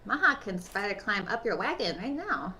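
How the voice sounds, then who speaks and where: A woman voicing a naive, mischievous cat-person adventurer in a tabletop game, halting and simple, speaking in third person. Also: mid-range voice, sing-song, pushed and bright. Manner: simple, halting, refers to self by name. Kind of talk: tabletop role-play character acting. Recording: faint background noise, room ambience.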